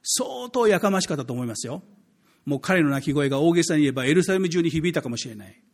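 A man's voice: a little high, expressive, quick pace, gravelly, a little mellow. A man preaching a conversational sermon as a pastor. He asks the congregation questions and acts out the quoted speech of the people in his story.

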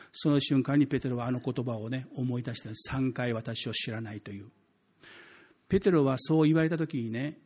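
Husky-voiced man preaching a lively sermon. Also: mid-range voice. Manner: conversational, asks the congregation questions; acts out quoted speech in lively voices. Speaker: pastor.

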